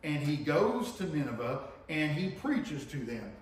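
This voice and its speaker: A man's voice: fairly high pitch, very animated, unhurried, recorded from a distance. Preacher man in a very echoey church. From Tennessee, US. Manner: conversational teaching, frequent "okay?" and "right?" checks. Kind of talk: sermon. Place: church sanctuary with projector screen. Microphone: room mic from far camera.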